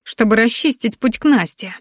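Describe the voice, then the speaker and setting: A woman's voice: a little high, animated, moderate pace, no room sound, clean studio sound. Woman voicing a bitter, sneering young man. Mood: hissing. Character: bitter, scornful young man, wounded and lashing out.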